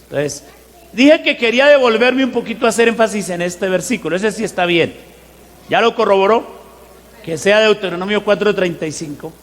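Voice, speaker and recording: A man preaching a teaching sermon, who asks the congregation rhetorical questions and slows down to stress scripture verses. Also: high voice, fairly bright tone. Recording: long hall reverb.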